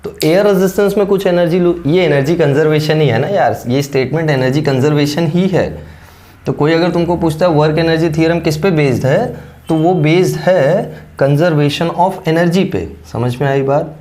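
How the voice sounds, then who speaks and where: A man with a sore, slightly hoarse throat gives a physics lecture, walking through each step and pausing to check that his students are following. His voice sits a little high but sounds mellow and soft. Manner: explains step by step, keeps checking understanding with "correct?". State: sore throat, clearing it now and then. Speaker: physics teacher. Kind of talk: classroom-style lecture, Hindi mixed with English terms.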